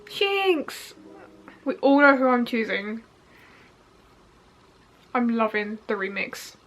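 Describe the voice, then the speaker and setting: A young woman, sniffly from allergies, gushing and rambling excitedly in a casual vlog at home. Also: on the high side, a little hiss or hum, rough recording. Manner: gushing, giggly, fast and rambling with many fillers. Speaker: YouTuber reacting to a game trailer. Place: home front room.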